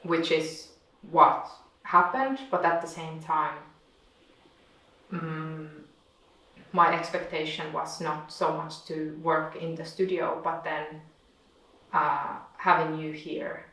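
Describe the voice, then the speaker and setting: A woman, an artist talking thoughtfully and pausing often to find her words, recorded from a distance in an echoey room. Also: deep voice, level tone, a bit bright. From Finland. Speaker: visiting artist. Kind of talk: reflective conversation.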